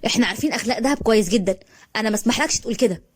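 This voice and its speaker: A woman's voice: on the high side, expressive, racing, breathy edge. Woman voicing a stern, scolding aunt. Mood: indignant. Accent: Egyptian Arabic.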